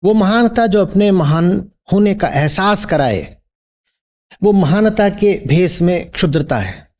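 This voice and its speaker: A man's voice: high-pitched, expressive, slow, darkish tone. A man teaching as a spiritual teacher in a discourse, posing rhetorical questions and checking in with his listeners.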